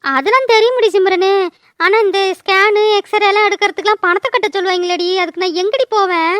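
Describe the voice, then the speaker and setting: A woman voicing a family cartoon, scolding in loud style dialogue. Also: very high voice, fast talker, dry recording, clean studio sound. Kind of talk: cartoon voice acting, many characters.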